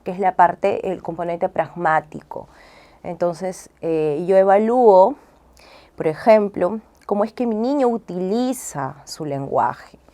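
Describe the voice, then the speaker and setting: A woman's voice: on the low side, expressive, slow, dark tone. A woman speech and language therapist explains things to a listener in a patient, teacherly way. She keeps checking in with short tag questions. Now and then she sounds out syllable drills the way she would with a child. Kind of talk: explaining as an interview guest.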